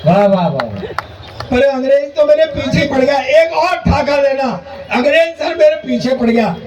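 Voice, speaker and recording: High-voiced comic poet on stage. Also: male voice, animated, moderate pace, background noise. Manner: jokey, addresses the audience directly, acts out dialogue. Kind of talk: live stage comedy recital. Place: stage before a live audience. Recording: dull, echoey, distant hall recording.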